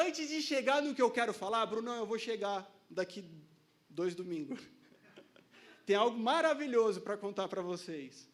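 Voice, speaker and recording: Brazilian guy preaching, high voice, jokey, keeps laughing and asking the church for amens. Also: fairly bright tone. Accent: Brazilian Portuguese. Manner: casual, joking, laughs often, calls on the audience. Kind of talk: sermon.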